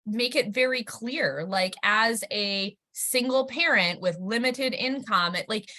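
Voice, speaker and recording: Woman co-host with a crisp, bright tone, emphatic and earnest in casual talk. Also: fairly high pitch, measured pace. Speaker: podcast co-host. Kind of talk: casual chat.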